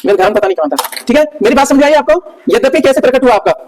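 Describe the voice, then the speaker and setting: A man's voice: very high voice, expressive, very fast, a little mellow, a little hiss or hum, poor audio. A man teaching a grammar lesson to a class, explaining rules step by step and asking the students again and again whether they follow. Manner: keeps asking the class checking questions.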